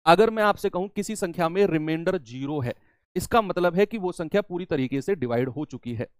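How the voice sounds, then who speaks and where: A man's voice: high voice, expressive, brisk, clean tone, dry recording, studio quality. A man teaching a maths lesson, explaining step by step and repeating the key terms, sometimes answering in his students' voice. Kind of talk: classroom maths lecture.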